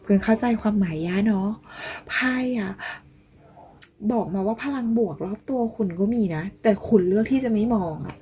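A woman hosting a casual tarot reading for her viewers, chatty and coaxing, calling herself grandma and sometimes dropping to a soft near-whisper. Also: mid-range voice, moderate pace, breathy edge. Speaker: tarot reader and channel host.

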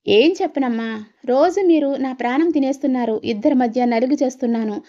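A woman's voice: high voice, brisk, warm tone, muffled recording. A woman voicing an exasperated grown son who complains to his mother about family strife.

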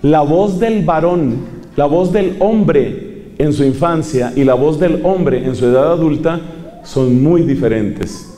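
A man delivers a sermon in a large church hall. His voice sits a little high for a man but sounds mellow and warm. He stresses his points by repeating them and asking the crowd questions, and a long reverb trails behind his words. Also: lively intonation, slow. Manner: emphatic, repeats key phrases and asks the audience questions. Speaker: preacher. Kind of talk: sermon to a congregation.

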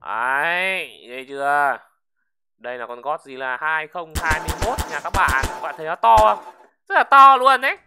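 An excitable gaming channel host, giving let's-play commentary, often shouting wow and repeating words in quick bursts. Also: mid-range voice, over music. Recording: clear background noise.

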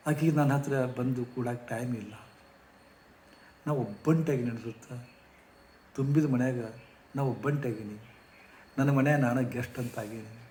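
A man voicing a weary, lonely older rich man who speaks in a soft, subdued, complaining voice. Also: medium pitch, echoey room, a little hiss or hum, natural voice, low-quality recording.

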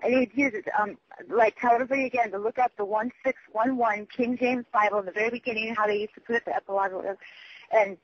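A man with a high-pitched voice leaves a long, rambling voicemail message. He speaks haltingly, loses his thread and swears as he goes. The sound is dull and lo-fi, like a telephone recording. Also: steady tone, no room sound. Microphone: phone.

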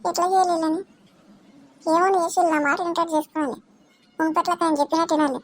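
A woman's voice: extremely high pitch, steady tone, a little hiss or hum. Woman voicing a grumbling old Telangana granny. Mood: self-pitying. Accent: Telangana Telugu. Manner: grumbling, scolding, drawn-out menace when possessed. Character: elderly village mother-in-law, sulky, faking possession. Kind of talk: cartoon comedy voice acting.

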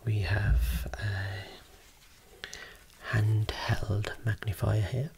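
A voice whispering slowly and softly, showing eye-clinic equipment as an ASMR role-play optometrist. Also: medium pitch, little pitch movement, creaky, a little hiss or hum. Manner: soft unvoiced whispering, explaining slowly.

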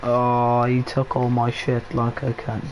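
A man's voice: mid-range voice, monotone, measured pace. Young male streamer, loose playful banter with swearing, slight noise behind him. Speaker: gamer streaming a shooter game. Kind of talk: casual gameplay chat. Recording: noisy game stream with background ambience.

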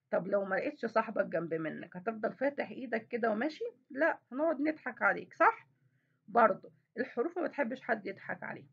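An Egyptian woman teaches young children, stretching out each letter sound and praising them as she goes. Her voice is gravelly and a little husky. The recording sounds dull and lo-fi. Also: fairly high pitch. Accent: Egyptian Arabic. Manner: slow, drawn-out sounding of letters and praise to pupils. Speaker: kindergarten Arabic teacher. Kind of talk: recorded online lesson.

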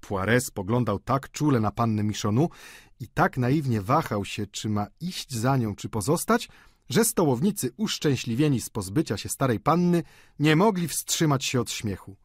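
A man narrating a classic novel audiobook in a measured, expressive storytelling manner on a close mic. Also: mid-range voice, husky, no room sound.

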